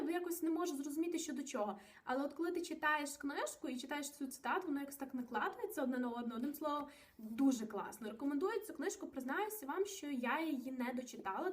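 A woman vlogging a casual book review, chatty and rambling, with many fillers and self-corrections, a little nervous. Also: sits high. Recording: voice a bit distant from the mic.

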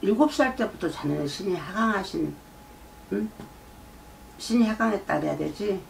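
In a shrine room furnished with a folding screen and a drum, a middle-aged woman shaman conducts a fortune-telling consultation, lecturing, repeating herself and throwing in "eh?" prompts. She speaks at normal speed in an expressive, gravelly mid-range voice, with slight background noise. The sound comes from a far camera mic, distant and with faint room ambience.

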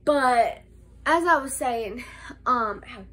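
A young woman vlogger recovering from a cold gives a casual life update indoors, holding her phone camera close. She talks slowly and haltingly with a nasal voice, a slight cough, and many ums and restarts. Her voice is on the high side and fairly bright, with lively intonation.

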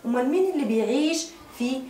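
A woman with an Egyptian Arabic accent teaching English to children, repeating words slowly and explaining quickly in Arabic. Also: high-pitched, expressive, dark tone, reverberant, far from the mic.

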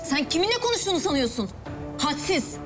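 A snooty rich girl, high and swooping, bossing everyone, music behind. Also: sing-song, quick pace. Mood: haughty. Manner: contemptuous, commanding. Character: spoiled rich young woman, haughty and bossy. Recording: TV drama with loud score underneath.

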